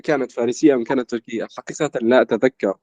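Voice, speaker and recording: A man's voice: medium pitch, a little mellow, dry recording. Young man from Egypt, dry close sound. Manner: measured and explanatory, fond of filler words. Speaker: interview guest, language student. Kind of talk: casual conversation in formal Arabic.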